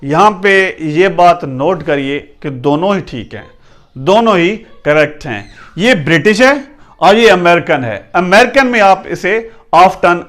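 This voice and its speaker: A man giving a pronunciation lesson, spelling out words letter by letter and repeating them in a calm explaining way. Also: high voice. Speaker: English teacher.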